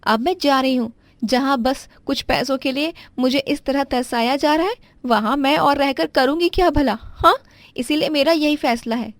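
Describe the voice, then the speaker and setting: A woman voicing a scheming young wife who lies and stammers out excuses in a high voice. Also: unhurried, no echo. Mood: defiant. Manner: high, pleading, fibbing with stammers.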